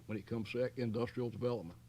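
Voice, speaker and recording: A man's voice: mid-range voice, rapid-fire, darkish tone, a little hiss or hum. A man serving as county manager, explaining items at a public board meeting in a folksy, long-winded way with many fillers and restarts.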